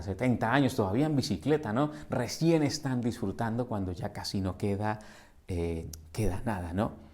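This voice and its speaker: The speaker is a middle-aged Colombian man with a Colombian Spanish accent and a mid-range, darkish voice. He preaches in a church sanctuary in an earnest, questioning style that mounts to emphatic repetitions.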